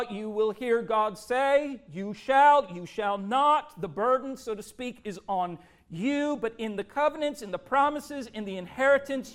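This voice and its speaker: A pastor preaching an impassioned sermon, swinging from hushed, tender passages to loud, ringing declarations. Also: male voice, extremely high pitch.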